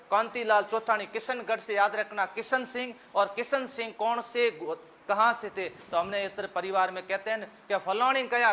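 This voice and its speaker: A man's voice: high-pitched, sharp tone. A man with a Rajasthani accent teaching a history lesson for exam students in a folksy, joking way, asking questions and answering them himself.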